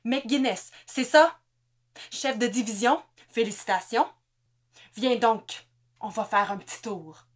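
A woman's voice: fairly high pitch, measured pace. A woman reading an audiobook, voicing an exhausted, desperate armed man who barks orders and threatens. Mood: threatening.

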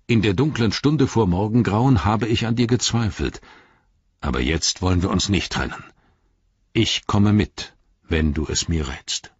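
A weary aging king, proud but full of doubt, as a male narrator plays him, with a low, husky voice. He speaks earnestly and tiredly, like an old ruler worn out by war, in a storybook reading. The sound is dull and dry. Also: lively intonation, a little slow, no room sound.

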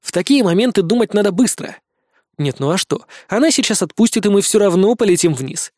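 High-voiced male audiobook narrator. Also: lively intonation, brisk, a little mellow, dry recording, studio quality. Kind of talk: first-person novel narration.

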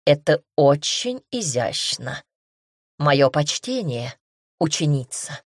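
A composed male mentor with a dry, gently mocking wit, as a woman narrator puts him on. He speaks low and unhurried, amused and sure of himself. The audiobook voice sounds close and dry. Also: dry recording, heavily acted. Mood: wry. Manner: calm, wry, gently mocking.

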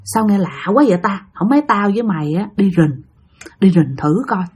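A woman voicing a young adult son in a spoken ghost story, talking in a low, conspiratorial murmur. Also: sing-song, normal speed, sharp tone, exaggerated voice. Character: young adult son, skeptical then secretive.

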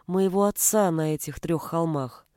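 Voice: mid-range voice, moderate pace, a little mellow, no echo, studio quality, close to an everyday voice. A reader voicing a desperate young man who pleads in a flustered way, in an audiobook. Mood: hopeful. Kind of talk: audiobook character reading.

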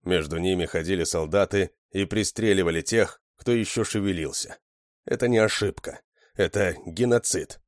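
A man narrating a story in steady, scripted audiobook style. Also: deep voice, normal speed, no room sound, studio quality.

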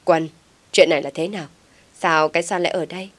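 A woman's voice: on the low side, fairly even intonation, fast, close to an everyday voice. A woman voicing a scheming older uncle who feigns concern and scolds. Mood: scolding. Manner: scolding, sly.

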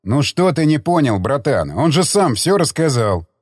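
A man's voice: fairly high pitch, big pitch swings, normal speed, a little mellow, slightly rough, dry recording, studio quality. A man doing a smug, mocking tough guy. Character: tough scheming adult man, sly and mocking.

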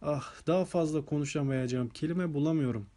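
A grieving middle-aged Swedish nanny, voiced by a man reading aloud sobs as she speaks. Her words come out halting and broken. The voice is mellow and a little high. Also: natural voice. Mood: tearful. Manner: sobbing, halting. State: crying.

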